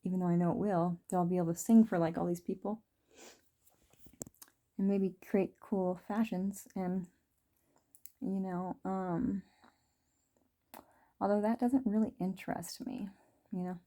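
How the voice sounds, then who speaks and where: A woman in her thirties talking through her feelings in a rambling, reflective video diary, full of fillers and soft laughs. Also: fairly low pitch, fairly even intonation, unhurried, long pauses. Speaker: vlogger. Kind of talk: reflective personal diary talk.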